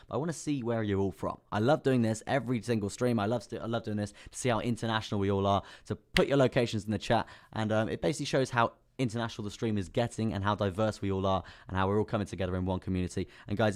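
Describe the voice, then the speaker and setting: A young English man talks quickly and casually in a fairly low, hoarse voice, as if he has partly lost it. He chats loosely, greets people by name, and laughs easily while he walks through his charts. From England. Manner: chatty, reads out viewer names and laughs often. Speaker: crypto live-stream host. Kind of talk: casual live-stream chart talk.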